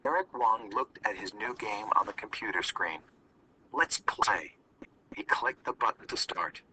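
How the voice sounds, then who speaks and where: A male teacher reads a storybook aloud for his class in a clear, steady voice. The tone is very bright and sharp, and he sits back from the microphone, so faint background noise comes through. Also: lowish voice, moderate pace, far from the mic, poor audio.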